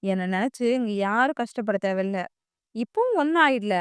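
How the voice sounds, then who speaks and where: A woman voicing a sarcastic, rebellious young man who talks in a low, mocking way. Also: lively intonation, moderate pace, clean tone, dry recording, studio quality, lightly acted. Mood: bitter.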